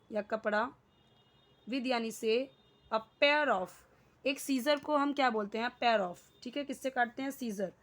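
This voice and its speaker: Slow, high-voiced woman teaching English. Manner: slow, explains each word in Hindi, asks and answers her own questions. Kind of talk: Hindi-medium English grammar lesson.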